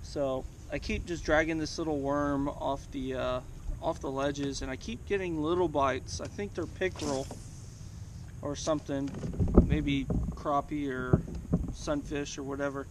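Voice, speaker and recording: A man's voice: on the high side, a little slow. Man narrating his kayak fishing trip. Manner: relaxed, thinking aloud with fillers. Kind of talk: casual fishing vlog narration. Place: outdoors on a kayak on a river. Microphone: action camera mounted on the kayak. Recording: outdoor noise from the water.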